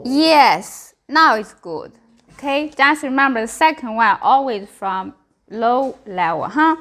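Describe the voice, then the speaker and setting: A woman language teacher with a Chinese accent and a fairly high voice leads beginners in practicing tones. She speaks very slowly, modelling syllables with exaggerated pitch and giving short prompts and corrections. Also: animated, fairly bright tone.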